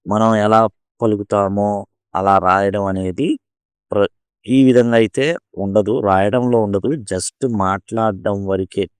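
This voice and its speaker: A man explaining an English lesson, slowing down and stretching example words to show how they sound. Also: lowish voice, clear, resonant tone, no echo, clean studio sound. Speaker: English lecturer.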